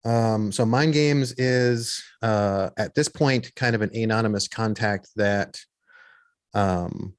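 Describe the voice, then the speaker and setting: A man playing a tabletop roleplaying game, improvising in a hesitant, halting and wordy way. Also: fairly low pitch, clear, resonant tone.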